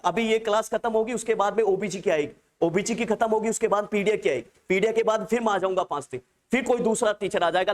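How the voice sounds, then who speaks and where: A man teaching a nursing exam class. He dictates terms slowly and repeats them for students to write down. He keeps checking that they have understood and calls them "child" in a fond, coaxing way. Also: high-pitched.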